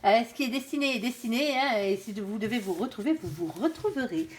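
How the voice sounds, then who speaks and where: A woman's voice: fairly high pitch, expressive, fairly quick, a little hiss or hum. A woman giving a casual, blunt tarot reading to her viewers, filling her talk with frequent fillers and tag words. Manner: blunt, chatty, peppers speech with "hein" and "euh". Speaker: tarot card reader.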